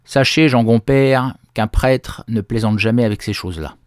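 Man doing grave priest, measured and solemn, in a dry, close sound. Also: mid-range voice, expressive, a little mellow, dry recording, lightly acted. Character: grave kindly male village priest.

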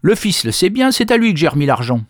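Man doing excitable pleading farmer, higher and louder than his own voice, dry. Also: quick pace, no echo. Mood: desperate. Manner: exclaiming, pleading. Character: desperate excitable male peasant farmer.

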